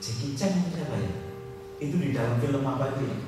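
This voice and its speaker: A man preaching a lively, joking sermon to his congregation, with a Javanese-tinged accent. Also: medium pitch, fast talker, far from the mic, over music. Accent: Javanese-tinged Indonesian. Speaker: pastor. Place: church hall. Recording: echoey hall, picked up from afar.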